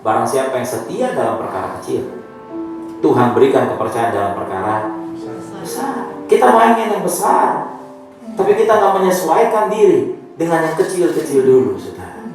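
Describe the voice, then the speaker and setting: A male pastor from Indonesia preaching with a lively, swinging voice that keeps putting questions to his congregation. The recording sits far off in a strongly echoing church hall, with quiet instrumental music underneath. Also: mid-range voice, normal speed. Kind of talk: sermon.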